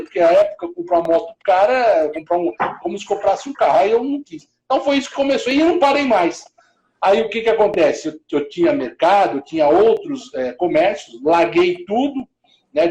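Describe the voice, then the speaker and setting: A man's voice: high-pitched, warm tone, echoey room, low-quality recording. A middle-aged man, a building manager, telling his career story in a casual interview, rambling with many restarts. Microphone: video call.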